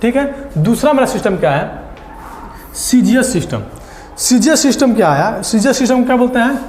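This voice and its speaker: A man teaching a lesson, asking questions and answering them himself, repeating key words slowly. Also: very high voice, animated, darkish tone, a little hiss or hum. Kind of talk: classroom lecture. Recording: echoey hall.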